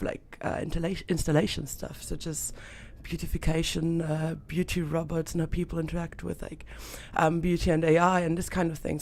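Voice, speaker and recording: Austrian woman founder, gravelly edge. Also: fairly low pitch, a little mellow. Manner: thoughtful, many fillers and restarts. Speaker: startup founder guest. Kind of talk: podcast interview. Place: podcast studio.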